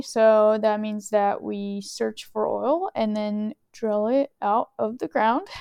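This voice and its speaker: A Californian woman in her twenties co-hosts a casual podcast and is interviewed conversationally, chatting with frequent laughs and fillers. Her voice is fairly high, creaky and warm, with a clean tone.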